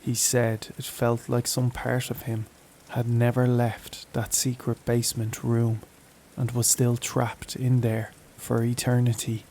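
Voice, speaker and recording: A man narrating a horror story in a slow, even, somber read. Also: mid-range voice, slight background noise. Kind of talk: scripted narration.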